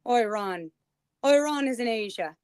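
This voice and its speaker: A woman's voice: on the high side, expressive, measured pace, darkish tone, clear, resonant tone, no echo. A woman playing a blustering, officious man running a neighborhood parade vote in a radio play. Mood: suspicious. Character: pompous Irish man, auxiliary official, Mr. Kelly. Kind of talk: amateur radio drama reading.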